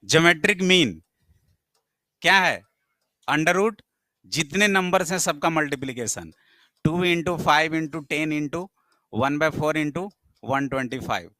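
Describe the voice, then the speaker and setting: A man's voice: a little high, expressive, measured pace, pauses often, sharp tone, no room sound. A male math teacher, lecturing a classroom and firing questions at his students, sometimes scolding them.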